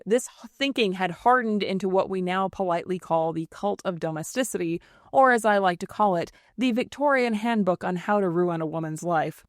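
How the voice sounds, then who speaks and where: A woman's voice: fairly low pitch, no room sound, clean studio sound. A woman hosting a history podcast, reading scripted narration in a snarky, irreverent way.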